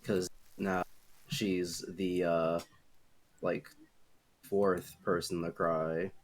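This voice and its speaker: A man's voice: low-pitched, flat delivery, drawn-out words, rough recording. A man chatting casually as a co-host, with a hesitant, understated way of talking. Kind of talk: casual chat.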